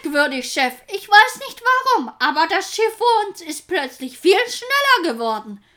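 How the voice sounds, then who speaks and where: Female reader as a baffled pirate helmsman: high, bright, puzzled. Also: big pitch swings, normal speed, exaggerated voice. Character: startled male pirate helmsman.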